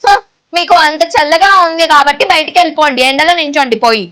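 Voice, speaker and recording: Sarcastic rival teacher, high voice, quick talker, mocking, comedy sketch. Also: female voice, sharp tone. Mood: scolding. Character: sharp-tongued young female teacher, mocking rival. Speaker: schoolteacher.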